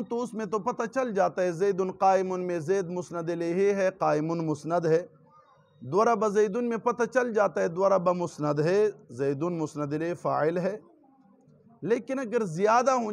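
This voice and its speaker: A man with a fairly high voice teaching a classroom grammar lesson. He explains step by step, repeating terms and examples, and reads textbook lines aloud before unpacking them. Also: creaky. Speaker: religious teacher.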